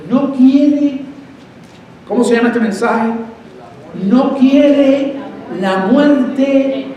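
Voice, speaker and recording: A pastor with a high voice preaches in an echoey church hall, caught from a distance by the mic. He tells his story with emphatic, rising cries while a faint rumble sits underneath. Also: a little mellow. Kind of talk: sermon. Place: church sanctuary.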